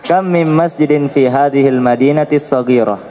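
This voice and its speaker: Mellow-voiced male student reading aloud. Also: mid-range voice, moderate pace, a little hiss or hum, poor audio. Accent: Indonesian.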